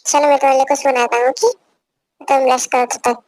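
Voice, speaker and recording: A woman's voice: high-pitched, little pitch movement, fast, a little mellow, no echo, lightly acted. A young woman voicing a possessive, domineering young husband who gives orders in an amateur fan dub. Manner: commanding, repeats orders.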